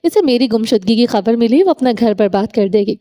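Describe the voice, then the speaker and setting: A proud, stubborn young heroine who speaks with defiant earnestness, read by a woman narrator. Her voice is fairly high with a dark, mellow warmth. Audiobook storytelling. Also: lively intonation, natural voice.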